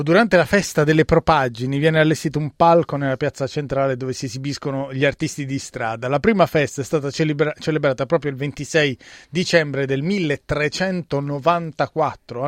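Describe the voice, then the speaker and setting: A man presenting a radio programme as host, explaining in a measured, semi-scripted way. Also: a little high, no echo, clean studio sound. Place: radio studio.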